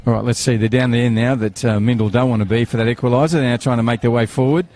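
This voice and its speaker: A man's voice: mid-range voice, fairly even intonation, quick pace, mellow, slight background noise. A man, commentating live on a football match outdoors, chatty and rambling, with banter and fillers.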